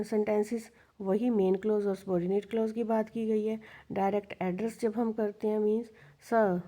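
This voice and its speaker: A woman's voice: mid-range voice, mellow. A woman teaching English intonation in a patient, explanatory way, going over rules and repeating key points with worked examples.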